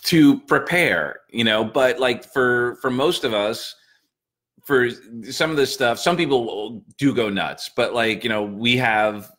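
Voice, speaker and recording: A man's voice: medium pitch, slow, a bit bright. A man co-hosting a podcast, rambling in an easygoing way. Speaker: podcast co-host. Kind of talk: casual chat.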